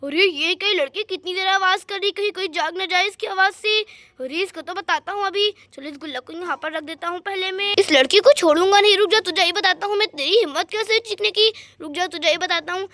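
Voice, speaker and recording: A woman's voice: very high voice, fairly quick, bright, forceful tone, no echo. A woman voicing a sneaky, gloating male thief in a doll story, with mocking laughs. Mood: angry. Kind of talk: doll story role-play.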